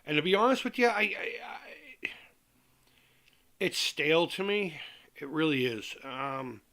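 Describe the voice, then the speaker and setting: A man chatting casually as a livestream host, candid and rambling, repeating himself, with the soft lisped diction of missing top teeth. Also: on the high side, sing-song, normal speed.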